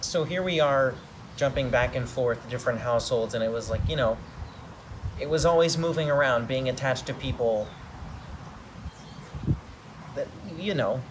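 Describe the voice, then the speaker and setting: Brief: American man, mid-pitched, rambling storyteller, recorded outside with clear traffic hum. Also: brisk. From United States. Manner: conversational, rambling, many fillers. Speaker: son of an Army veteran. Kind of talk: personal storytelling interview. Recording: outdoor take with steady background noise.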